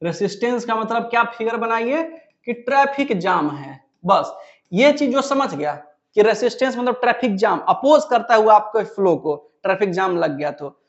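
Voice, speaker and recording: A man's voice: sits high, lively intonation, moderate pace, highs cut off. A man teaching a physics lesson, who asks the class questions and then answers them himself. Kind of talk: classroom lecture.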